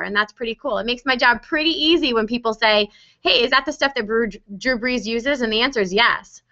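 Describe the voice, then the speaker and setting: A woman's voice: fairly high pitch, pushed and bright. A woman giving a chatty, upbeat online sales presentation, with frequent fillers. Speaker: webinar presenter. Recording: dull lo-fi webinar audio.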